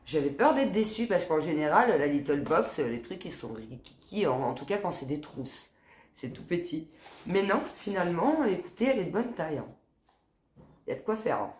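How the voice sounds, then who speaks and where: A woman's voice: on the low side, big pitch swings, normal speed. A woman in her forties chatting casually as a beauty vlogger, with a nasal, stuffed-up smoker's voice that sounds tired. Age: 40s. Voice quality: nasal, congested; smoker's voice, not soft. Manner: chatty, informal, tags sentences with quoi and hein. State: blocked nose, tired. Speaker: beauty box unboxing vlogger. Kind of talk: casual chat to camera. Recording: echoey, roomy sound.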